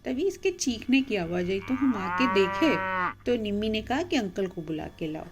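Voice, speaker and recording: A woman's voice: medium pitch, big pitch swings, moderate pace, natural voice. A woman voicing a bold, bossy little village girl in a children's doll story, teasing her friend. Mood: explaining.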